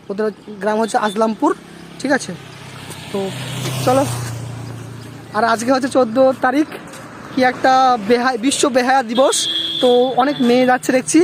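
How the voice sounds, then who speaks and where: Riding along a rural road, a young man from Bangladesh talks chattily to his travel vlog audience, frequently checking in with a repeated "okay?". His voice is very high-pitched, and there is background noise.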